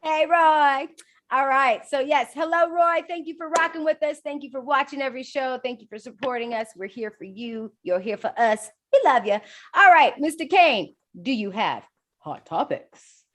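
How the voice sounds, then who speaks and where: A woman's voice: sits high, animated, normal speed, fairly bright tone. A woman co-hosting a casual podcast over a video call, bubbly and upbeat. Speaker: co-host. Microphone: video call mic.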